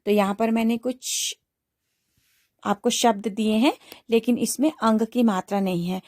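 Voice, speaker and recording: A woman's voice: on the high side, steady tone, measured pace, a little mellow, dry recording, studio quality. A woman teaching a primary school phonics lesson, sounding out each word syllable by syllable for young students. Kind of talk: slow spelled-out phonics lesson.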